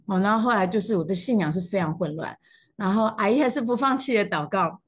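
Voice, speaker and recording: A woman's voice: medium pitch, expressive, fast talker, slightly rough. A middle-aged woman with a Taiwanese Mandarin accent sharing a personal faith testimony in emotional storytelling, her voice jumping up at moving moments. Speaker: church testimony speaker.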